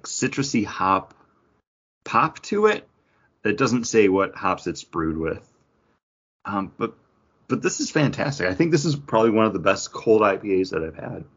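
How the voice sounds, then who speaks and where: Chatting informally about comics and craft beer, another podcast co-host speaks in a lowish, slightly bright voice. The recording has a somewhat dull, lo-fi quality.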